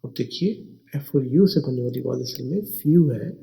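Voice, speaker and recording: A man teaching English words slowly, spelling each one letter by letter and repeating it. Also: mid-range voice, vocal fry, warm tone. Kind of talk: slow spelling and pronunciation lesson.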